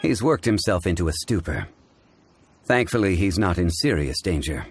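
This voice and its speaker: A man voicing a composed, wise gentleman in a video game, speaking in a measured, formal, grave manner. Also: sits low, lively intonation, noisy background. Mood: calm.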